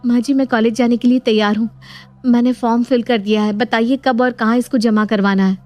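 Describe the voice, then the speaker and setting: A woman voicing a polite, gentle young daughter-in-law in a cartoon story. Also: on the high side, fairly even intonation, a little fast, faint music behind, natural voice.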